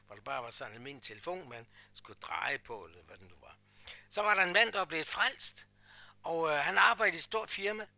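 A man preaching a sermon, emphatic, swinging from hushed asides to loud repeated declarations. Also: fairly high pitch, dry recording. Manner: repeats phrases in a rhythmic build.

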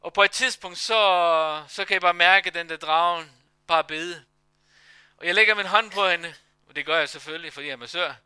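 A man, a pastor, telling a faith story in a sermon, with halting, emotional storytelling. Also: sits high, sharp tone, clear, resonant tone, dry recording. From Denmark. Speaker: pastor and massage therapist. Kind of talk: sermon testimony.

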